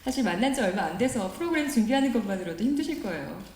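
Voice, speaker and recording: A woman's voice: on the high side, expressive, racing, a little mellow. A woman hosting a press event in the polite, cheerful, chatty style of a public radio host, coaxing and courteous. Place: indoor press conference room. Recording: roomy event hall with background noise.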